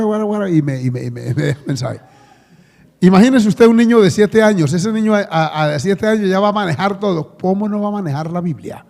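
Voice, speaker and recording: Man, Colombian accent, pastor, sermon, high voice, conversational, long hall echo. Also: mellow. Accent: Colombian Spanish. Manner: conversational preaching with asides and questions to the congregation. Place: church hall. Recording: long church hall reverb.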